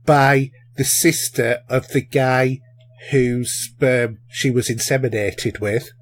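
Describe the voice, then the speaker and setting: A man co-hosting a podcast chats about films and shows in a rambling manner, full of fillers and restarts. His mid-range voice moves at a slow pace with fairly even intonation.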